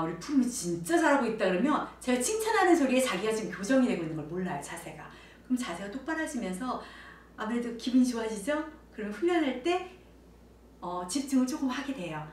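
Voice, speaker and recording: A woman directing a child training center, explaining parenting methods to camera in an animated way and acting out bright exclamations to children. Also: fairly high pitch. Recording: echoey room, voice a bit far from mic, faint background noise.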